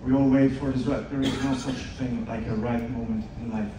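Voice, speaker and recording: This earnest motivational talk comes from a Swiss man, a podcast host speaking at an event, who recounts his story to the crowd. He has a medium pitch and fairly even intonation, and he speaks briskly. The large hall makes the audio distant, echoey, and noisy.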